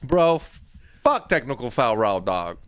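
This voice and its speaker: A young man telling a slangy, profane story in a casual podcast chat. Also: fairly high pitch. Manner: slangy, profane, animated retelling. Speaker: podcast co-host.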